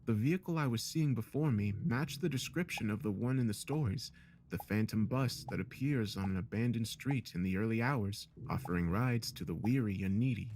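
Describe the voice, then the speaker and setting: Man, low voice, steady measured horror narration, scripted. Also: slight background noise.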